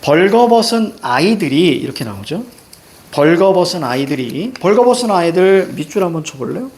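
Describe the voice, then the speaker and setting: A man's voice: fairly high pitch, brisk. A male teacher giving a classroom lecture, telling stories with jokey asides. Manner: animated storytelling, jokey asides.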